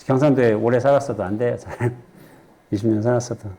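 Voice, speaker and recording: A middle-aged Buddhist monk from central Korea lecturing a lay audience in a chatty way, quizzing them and slipping in jokes. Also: male voice, medium pitch, fairly even intonation, a little fast, warm tone, slight background noise. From Chungcheong, Korea. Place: temple lecture hall with audience.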